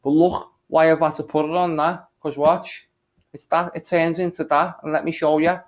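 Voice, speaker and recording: Speaking at a moderate pace in a slightly high, level voice, a video maker narrates his screen share. His commentary is casual and wandering; he thinks out loud and mutters little tunes to fill gaps.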